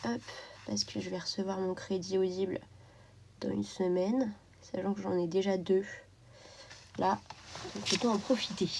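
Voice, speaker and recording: Young female streamer, congested from a cold, chatty and friendly with her chat, relaxed at-home vibe. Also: medium pitch, normal speed, long pauses, a little hiss or hum. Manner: chatty, greets and thanks viewers by name. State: stuffy nose, sniffling from a cold. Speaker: live streamer. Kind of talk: casual live-stream chat with viewers. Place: at home while colouring.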